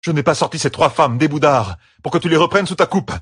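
A man's voice: mid-range voice, expressive, quick pace, slightly rough, dry recording, clean studio sound, pitched above the performer's own voice. A man voicing a brash, sardonic young gambler in an audiobook. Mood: defiant. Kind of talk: audiobook character voice.

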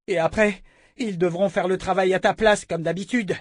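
A man's voice: sits high, steady tone, normal speed, no echo, clean studio sound, pitched above the performer's own voice. A man voicing Callan, a scornful captive woman. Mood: taunting. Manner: taunting, scornful. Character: defiant, mocking captive woman inquisitor. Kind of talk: audiobook reading.

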